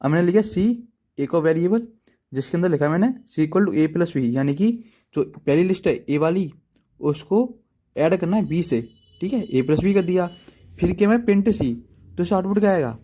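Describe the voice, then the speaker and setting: In a casual tutorial recorded at home while he writes in a notebook, a male coding teacher chats his way through programming, checking in with viewers and making self-deprecating remarks. He has a high, warm, animated voice at normal speed and repeatedly says "ठीक है दोस्तों."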